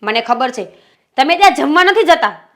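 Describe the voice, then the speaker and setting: An actress playing a jealous wife who accuses her husband in a family drama, sharp and sarcastic. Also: sits high, very animated, normal speed, heavily acted. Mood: accusing. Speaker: suspicious wife. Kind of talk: Gujarati short-film family drama acting.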